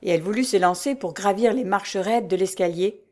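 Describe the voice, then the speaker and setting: Woman narrating an old adventure novel, even measured reading voice. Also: medium pitch. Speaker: audiobook reader. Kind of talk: scripted narration.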